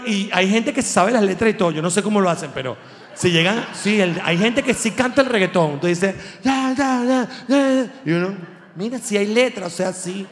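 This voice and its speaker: A man with a Venezuelan accent hosting a comedy show in a profane, animated stand-up monologue that keeps jumping into mock voices. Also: high-pitched, fairly quick. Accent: Venezuelan Spanish. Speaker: comedian host. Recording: long hall reverb.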